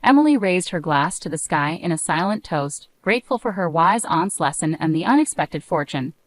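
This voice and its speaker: Expressive woman narrating a story. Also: fairly low pitch, moderate pace, no room sound, low-quality recording.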